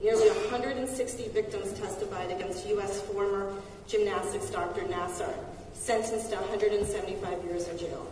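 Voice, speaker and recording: A woman giving formal, measured testimony as a city official, recorded in a council hearing chamber. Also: medium pitch, fairly even intonation, background noise. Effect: council hearing-room recording. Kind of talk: reading a prepared statement at a hearing. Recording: echoey hall from far off.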